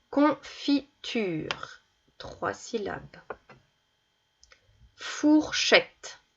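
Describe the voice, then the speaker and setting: A woman teaching young children, reading words slowly and clearly and stressing each one as she goes through worksheet exercises. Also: medium pitch, dull audio. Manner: slow, deliberate, stresses each word. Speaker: primary school teacher.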